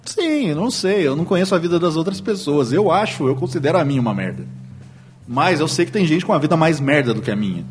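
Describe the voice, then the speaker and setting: A man's voice: fairly high pitch, very animated, fast talker, faint music behind. A man with a Brazilian Portuguese accent co-hosting a casual podcast chat over drinks, full of sarcastic wisecracks. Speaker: podcast co-host.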